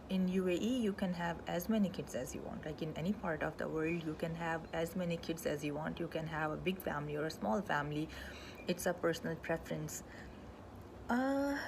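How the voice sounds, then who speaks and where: A woman from Pakistan, raised in Canada, talks casually through a list of rights, taking each one in turn. Her mid-pitched voice has a gravelly, creaky edge. Loud hiss runs under the recording. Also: poor audio. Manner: conversational, walks through items one by one. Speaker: speaker on human rights. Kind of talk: informal explanatory talk.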